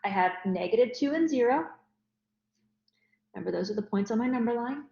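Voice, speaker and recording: A woman's voice: a little high, expressive, a little fast, vocal fry, dark tone. A woman walks through a math problem one step at a time, talking as she works. The sound is roomy and slightly dull, like a lo-fi lecture recording in an echoey space. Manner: step-by-step, explanatory. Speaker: math teacher.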